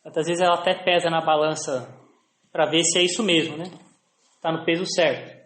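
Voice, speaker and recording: High-voiced Brazilian man telling stories. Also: steady tone, moderate pace, fairly bright tone, reverberant. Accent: Brazilian Portuguese. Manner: anecdotal, frequent tag questions, self-deprecating. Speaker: lecturer.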